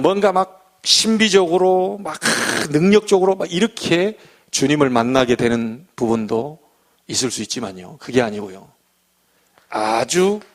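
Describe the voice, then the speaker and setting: Animated Korean pastor preaching. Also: male voice, medium pitch. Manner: lively, conversational preaching, acting out little scenes. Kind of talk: sermon. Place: church.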